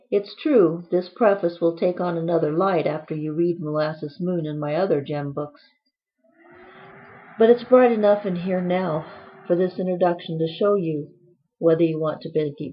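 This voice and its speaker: A woman's voice: sits low, dull audio. A woman reading aloud from her own book in a playful, whimsical way, with quirky asides.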